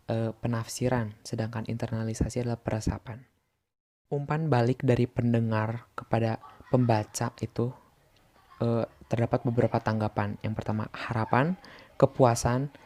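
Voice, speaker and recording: Flat-voiced young man teaching a lesson. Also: medium pitch. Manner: reads points from notes with filler pauses. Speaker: presenter explaining a literature lesson. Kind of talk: scripted lesson explanation.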